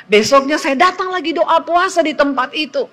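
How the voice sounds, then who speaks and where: A woman's voice: sits high, moderate pace, a bit bright. A woman pastor, preaching and telling her story to the congregation, acting out the dialogue. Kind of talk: sermon with personal testimony.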